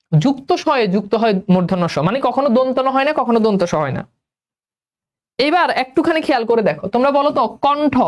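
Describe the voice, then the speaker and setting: Young man teaching, high voice. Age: young adult. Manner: repeats questions, prompts students to answer. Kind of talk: spelling lesson to students.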